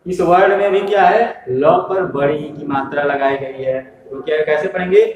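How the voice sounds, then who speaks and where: A man's voice: fairly high pitch, moderate pace, lo-fi sound, a little hiss or hum. A man teaching a primary school Hindi lesson step by step, patiently spelling out letters and asking questions that he answers himself. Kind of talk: slow step-by-step classroom lesson. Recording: echoey room, voice from a distance.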